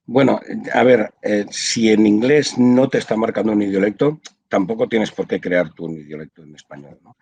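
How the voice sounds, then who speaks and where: A man's voice: on the low side, moderate pace, darkish tone, slightly rough, dry recording, low-quality recording. An older man from Spain, a translator, explaining his work at length in a casual video-call interview, with many restarts. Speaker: audiovisual translator, interview guest.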